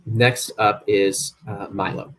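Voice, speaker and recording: A man's voice: on the low side, steady tone, takes it slowly, fairly bright tone, a little hiss or hum. A man running an online tabletop game as game master, talking with frequent ums and uhs. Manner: hesitant, many ums and uhs.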